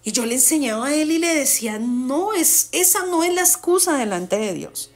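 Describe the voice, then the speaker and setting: A woman teaching a Bible study to her congregation, asking the group questions and slowing down on key words for emphasis. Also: sits high, lively intonation. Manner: asks the group questions and repeats answers.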